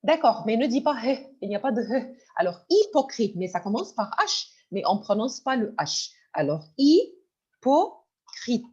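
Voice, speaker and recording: A woman's voice: on the high side, lively intonation, normal speed, slightly rough. A woman teaching a French class, patient and repetitive, explaining words and often switching into English. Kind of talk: online class lesson. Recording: dull lo-fi sound.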